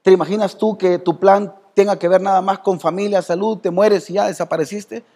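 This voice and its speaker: A Salvadoran-accented pastor delivers a sermon in a church hall, speaking a little fast in a high yet dark-toned, steady voice. He keeps things conversational and addresses members of the congregation by name.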